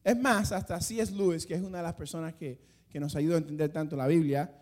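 A man with a high voice preaching from the pulpit. He builds each point with emphatic rising lines and drawn-out pauses, now and then restarting a word as he speaks freely. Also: steady tone, a little mellow. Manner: some restarts and stammering when speaking off the cuff. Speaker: pastor. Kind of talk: sermon.

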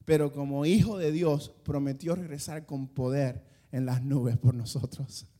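A man preaching a sermon, emphatic, with dramatic pauses and rising lines, stumbling a little when he speaks off the cuff. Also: medium pitch, steady tone, dark tone. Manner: some restarts and stammering when speaking off the cuff. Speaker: pastor.

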